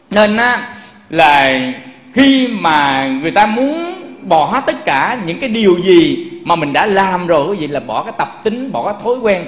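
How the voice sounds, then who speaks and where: A man giving a Buddhist sermon, often turning to the audience with rhetorical questions. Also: high-pitched. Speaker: Buddhist preacher. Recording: echoey room.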